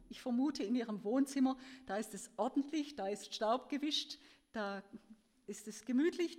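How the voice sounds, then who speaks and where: Gentle earnest woman preaching. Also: fairly high pitch. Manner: gentle, earnest storytelling that rises and drops. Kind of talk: sermon with a told story.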